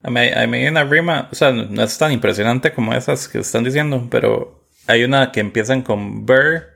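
A man chats casually and hesitantly, searching for his words. His voice is low and gravelly. He speaks softly. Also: fairly quick. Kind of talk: casual chat.

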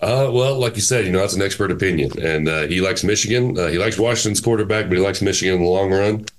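A man with a very low voice co-hosts a casual sports podcast. He speaks in a measured, matter-of-fact way, laying out his points plainly. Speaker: podcast co-host.

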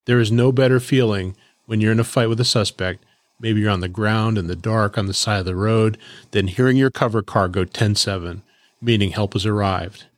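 A middle-aged man, a former police officer, telling a case story in a reflective, steady way on a podcast. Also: on the low side, normal speed, no echo, clean studio sound. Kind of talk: podcast commentary.

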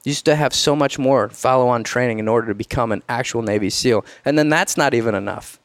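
A man's voice: mid-range voice, fairly quick, no room sound. A man from the United States, a former Navy SEAL, tells his training story in an emphatic, earnest motivational talk, acting out the lines people said. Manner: emphatic, earnest, acts out quotes.

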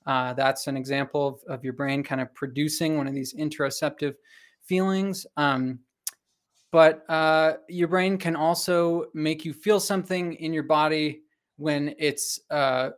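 A man co-hosting a science talk, explaining casually in a halting, loosely phrased way. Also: fairly high pitch, fairly even intonation. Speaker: co-host.

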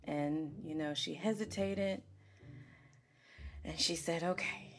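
A woman's voice: sits low, slow. A woman hosting a podcast, telling a personal story in a casual, chatty way, laughing often and checking in with the listener. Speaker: podcast host.

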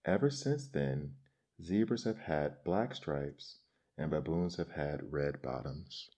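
Deep-voiced male storyteller. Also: animated, takes it slowly, warm tone. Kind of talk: storybook narration.

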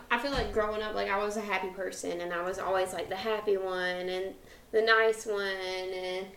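A woman in her twenties talks candidly on a casual podcast, her voice sitting at a middle pitch. She chats freely and often breaks into small laughs between phrases. The sound carries a noticeable roomy echo. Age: 20s. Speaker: podcast co-host.

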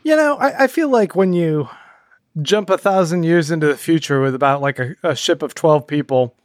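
A man's voice: fairly high pitch, lively intonation, normal speed, no room sound, studio quality. A man co-hosting a podcast in casual chat, playful and laughing often. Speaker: podcast co-host.

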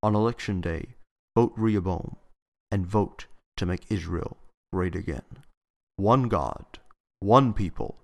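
A grand political ad announcer builds slow, stirring patriotic lines, as a man puts him on. The voice is low and measured. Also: expressive, gravelly, darkish tone, heavily acted. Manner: slow, dramatic, patriotic delivery.

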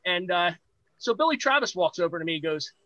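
A man with a high, bright voice tells an animated anecdote as a podcast guest, jumping into other people's lines as he goes. His sound is dry and close, with no room around it. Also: brisk, no room sound, low-quality recording. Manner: lively anecdote-teller, acts out quoted voices. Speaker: podcast guest, pro wrestler. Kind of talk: animated storytelling.

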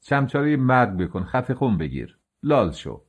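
Rough, threatening male carter, coarse; a man reading all parts. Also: lowish voice, very animated.

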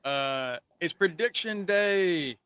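A man's voice: high voice, animated, takes it slowly, sharp tone, clean tone, dry recording. A male podcast co-host talking in a casual, conversational style. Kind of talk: casual chat.

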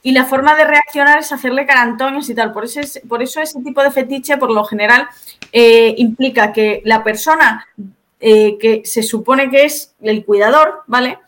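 Here a woman with a high, slightly bright voice and a Spain Spanish accent speaks at normal speed. As a video creator guesting on a podcast, she sets out her points one by one, explanatory and methodical.

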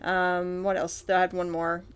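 An easygoing woman with a slightly low voice, chatting about a book on a podcast. She stops and starts as she recalls lines and fills her pauses with ums. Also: completely flat delivery, clear, resonant tone. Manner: easygoing, hesitant, many fillers. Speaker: podcast co-host. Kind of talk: casual book-club chat.

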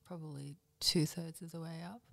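Low-voiced, soft-spoken woman guest. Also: steady tone, moderate pace, creaky. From Northern Ireland. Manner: soft-spoken, hesitant, trailing off. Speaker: podcast guest, designer. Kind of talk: podcast interview chat.

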